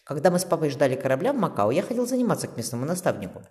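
A man reading an audiobook voices a kind, earnest young man of twenty-one, speaking gently and reassuringly. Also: a little high, sing-song, racing, voice pushed up. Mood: gentle. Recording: long reverb.

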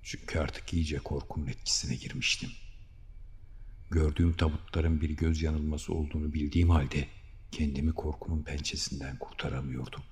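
A male narrator with an extremely deep voice tells a first-person story in a measured, dramatic manner. His reading rings out with a long hall reverb. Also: flat delivery, darkish tone. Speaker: audiobook narrator.

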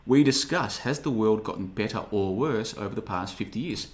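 A man's voice: lowish voice, moderate pace. A man in his thirties hosting a livestream podcast, rambling and sarcastic, often mocking others in put-on voices. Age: 30s. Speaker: podcast host. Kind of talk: casual livestream monologue.

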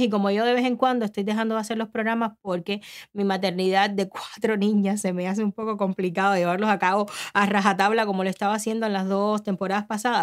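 A woman in her thirties hosts an interview show. She speaks in a reflective, conversational way at a mid-range pitch. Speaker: host. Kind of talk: casual interview hosting.

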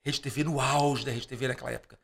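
A man's voice: medium pitch, fast talker, vocal fry. A Brazilian man, a podcast guest, telling anecdotes with animation and acting out the dialogue in different voices. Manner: acts out dialogue in quoted voices; lively storyteller, laughs between lines.

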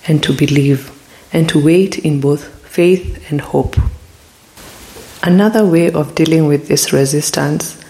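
This low-quality recording features a podcast host with a mid-range voice delivering a calm spiritual reflection close to the mic. Many probing questions are directed at the listener, and the delivery becomes looser and more hesitant during retold stories.

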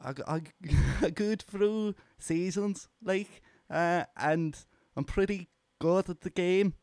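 A man putting on the voice of a young male footballer on loan, talking in a halting, stumbling way. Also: sits high, darkish tone, clean tone, no room sound, studio quality. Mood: sheepish.

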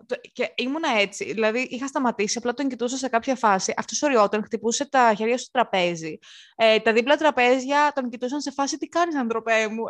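A young woman co-hosting a podcast, telling work stories in a lively way and acting out what people said. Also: a little high. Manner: animated, acts out quotes of rude customers. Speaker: podcast co-host. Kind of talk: casual chat, storytelling.

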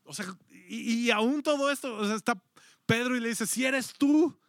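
A man's voice: extremely high pitch, normal speed, a bit bright, dry recording, studio quality. A man preaching a sermon, telling a story with acted-out quotes and dropping at times to near-whispers. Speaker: pastor.

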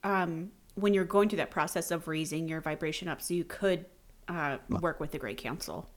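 A woman's voice: sits low, moderate pace, distant mic, a crowd in the background. A woman interviewer speaking casually, asking questions and giving short agreement.

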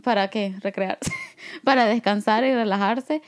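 A woman from El Salvador with a Salvadoran Spanish accent, co-hosting a podcast in relaxed, chatty conversation. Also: mid-range voice, a little slow, clean tone. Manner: relaxed, chatty, frequent fillers and laughs. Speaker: podcast co-host. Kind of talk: casual chat.

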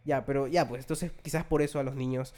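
A man's voice: mid-range voice, fairly even intonation, fast, darkish tone. A young man in a casual chat, laid-back and teasing with slangy speech.

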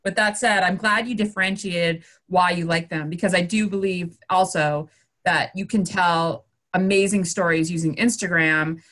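A woman hosting an interview, upbeat and asking quick, direct questions. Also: fairly low pitch, steady tone, a bit bright. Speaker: interview host, marketer. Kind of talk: casual interview talk.

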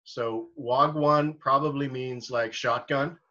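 A man co-hosting a podcast in a casual, jokey chat, animated and self-deprecating. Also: medium pitch, takes it slowly. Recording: dull lo-fi sound.

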